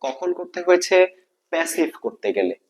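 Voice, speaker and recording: A man with a Bangladeshi accent teaches English grammar step by step in an explanatory exam-prep lesson, often repeating points and asking questions he then answers himself. His voice is on the high side, a little mellow and sing-song, at a moderate pace.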